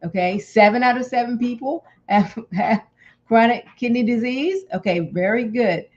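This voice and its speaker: A woman's voice: fairly high pitch, moderate pace. Woman hosting a health livestream, chatty, rambly, keeps restarting, kinda muffled audio. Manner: chatty, rambling, restarts often, laughs easily. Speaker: health channel host. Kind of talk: casual live-stream health talk.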